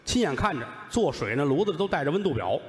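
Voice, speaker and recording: A man with a Beijing accent performing crosstalk comedy, building his story in a lively way and drawing out the punchlines. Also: fairly high pitch, roomy sound, in a large hall. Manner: lively comic narration with drawn-out punchlines.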